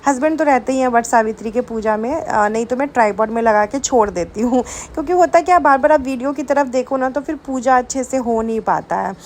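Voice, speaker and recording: A woman's voice: a little high, slight background noise. A young woman from India chatting casually to her viewers in a home vlog. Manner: chatty, addresses viewers as guys. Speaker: vlogger.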